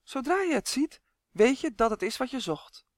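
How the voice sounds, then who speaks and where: A woman's voice: fairly high pitch, big pitch swings, fairly quick, dry recording, voice pushed up. A woman voicing an upbeat, patient young girl who coaxes and insists, in a storybook reading. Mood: coaxing. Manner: bright, insistent.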